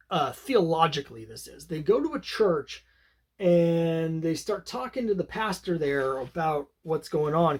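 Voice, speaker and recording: A man's voice: a little high, a little mellow. A man casually reviewing an old comic book, talking in a rambling, conversational way with many fillers and restarts.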